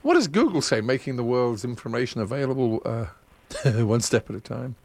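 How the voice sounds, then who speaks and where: A man's voice: medium pitch, expressive, fairly quick, vocal fry, a little mellow. A man hosting a casual radio chat, talking in a chatty, digressive way and laughing at his own asides. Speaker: radio host.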